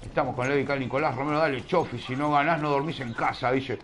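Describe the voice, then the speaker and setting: A man's voice: medium pitch, fairly even intonation, fast talker, fairly bright tone, slight background noise. A man with a Rioplatense Spanish accent casting a live online shooter tournament, chatty and teasing, scolding his chat with playful slang. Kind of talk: live game commentary.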